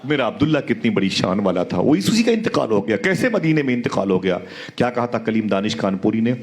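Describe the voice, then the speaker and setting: A man's voice: lowish voice, sing-song. A male preacher telling a story at a live religious gathering in a dramatic, emotional sermon style, repeating phrases and calling out to the crowd. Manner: repetitive, dramatic, rhetorical appeals to the crowd.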